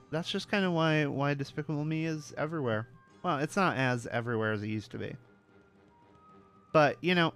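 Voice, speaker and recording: A man's voice: on the high side, fairly bright tone, smooth. A male streamer chatting casually while playing, ranting with swearing and self-mocking jokes. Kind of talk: casual gaming stream chat.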